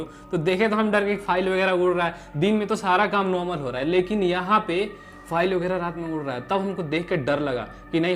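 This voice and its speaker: A young man with a fairly high voice recalls what happened in a plain, halting way. Faint music plays behind him. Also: a bit bright. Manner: plain, halting, simple phrasing. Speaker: guest in a vlog. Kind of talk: casual storytelling.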